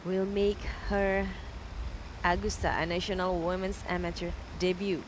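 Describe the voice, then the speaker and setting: A woman's voice: on the low side, level tone, a little slow, noisy background. A woman working as a golf co-commentator, giving live commentary on a tournament.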